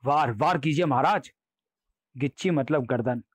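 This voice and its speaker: A man's voice: mid-range voice, measured pace, no echo, lightly acted. A man voicing a cunning, cheeky courtier in a comic audiobook, full of mocking quips and nervous asides. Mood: wisecracking. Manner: wisecracking and sly, mocking quips. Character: cunning, cheeky male courtier, sly and cowardly.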